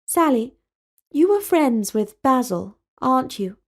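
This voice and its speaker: Woman playing high-voiced, earnest young princess. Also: big pitch swings, unhurried, full character voice. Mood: intense, probing. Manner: formal, intense, precise wording.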